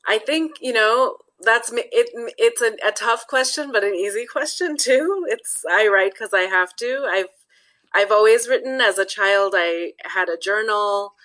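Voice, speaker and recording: A woman's voice: on the high side, measured pace, a bit bright, poor audio. A woman from Nepal, a guest author talking through her thoughts in a casual interview, often restarting phrases and adding "you know.".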